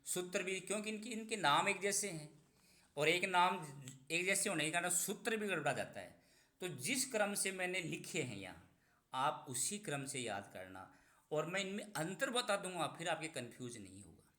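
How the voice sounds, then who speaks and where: Male tutor, bright and forceful, fairly high voice, drills terms for an exam class. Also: very animated. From Rajasthan, India. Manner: explains slowly, repeats terms with stress. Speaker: Sanskrit teacher. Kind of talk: exam-prep lesson.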